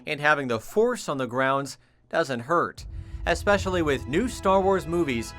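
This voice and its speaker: A man's voice: fairly high pitch, animated, unhurried. An American man working as a reporter, narrating a scripted television news feature. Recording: music behind the voice. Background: music bed.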